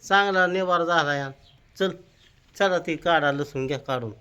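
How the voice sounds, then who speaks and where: A man's voice: a little high, normal speed, bright, forceful tone, clean tone. An older man, giving scolding, practical farm instructions to the family. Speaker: farming elder of the family.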